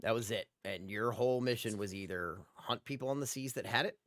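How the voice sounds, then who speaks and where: A man's voice: mid-range voice, a little fast, a bit bright, no room sound, clean studio sound. A man co-hosting a casual podcast, telling stories enthusiastically. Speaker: podcast co-host.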